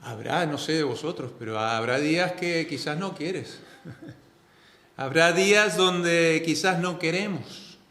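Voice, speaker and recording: A male pastor from delivers a sermon in a somewhat high voice. He preaches earnestly, repeating key phrases, rising to loud stresses and dropping to quiet asides. The sound rings with the echo of a church hall. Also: slow. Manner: swings between loud stresses and soft, low asides. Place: church sanctuary.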